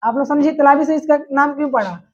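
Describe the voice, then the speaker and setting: High-voiced woman teaching a grammar lesson. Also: quick pace. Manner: repeats questions and answers them herself. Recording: dull lo-fi recording.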